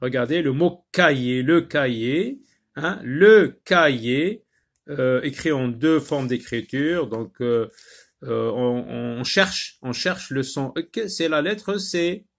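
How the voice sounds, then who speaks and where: Slow, patient male French teacher. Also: medium pitch, vocal fry. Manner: slow, patient, repeats words syllable by syllable with many fillers. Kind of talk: phonics lesson for young learners.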